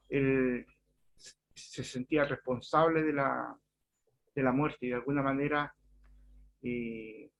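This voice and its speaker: A man, a student in a class, describing a grief case and sometimes halting mid-sentence. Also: medium pitch, a little hiss or hum.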